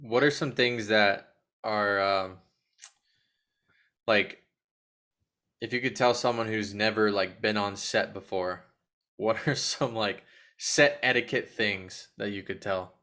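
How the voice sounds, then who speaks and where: Male host, hesitant casual questions, low voice, bright sharp timbre. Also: slow pace, pauses often. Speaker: interview host.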